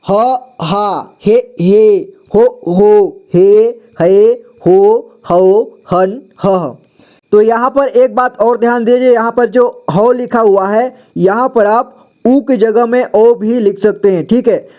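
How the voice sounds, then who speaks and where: A man leads a slow reading lesson, sounding out each syllable twice at an unhurried pace. His voice sits high yet sounds mellow and dark. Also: muffled recording. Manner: drawn-out repeated syllables, patient explaining. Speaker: teacher.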